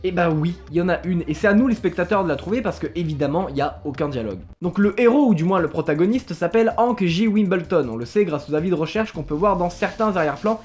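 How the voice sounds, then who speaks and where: A man with a rather high voice recaps a story in a playful, jokey way and drops casual swear words along the way. Faint music plays behind him. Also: animated, fast talker, few pauses, darkish tone. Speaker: YouTube host.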